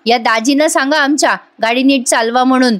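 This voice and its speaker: A woman reading a rough, rude man. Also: high-pitched, brisk, a bit bright, dry recording. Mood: grudging. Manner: rude, brusque. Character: rough, shouting man hit by a car.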